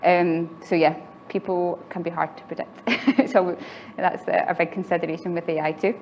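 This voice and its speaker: A woman's voice: lowish voice, little pitch movement, normal speed. A woman giving a conference tech talk in a chatty way, often laughing lightly between phrases. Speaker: conference speaker. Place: conference venue with live audience. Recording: slightly muffled recording with faint background noise.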